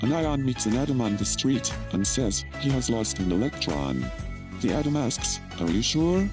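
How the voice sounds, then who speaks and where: A synthetic voice plays a tiny robot of an old male scientist telling a joke, in a slow, deep, text-to-speech robot voice. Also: sing-song. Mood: joking. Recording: product clip with loud music, distant.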